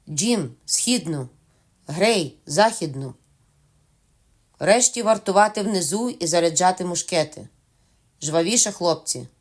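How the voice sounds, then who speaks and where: A woman's voice: fairly low pitch, creaky. A woman voicing a stern male ship captain who gives blunt, commanding orders in a storybook reading.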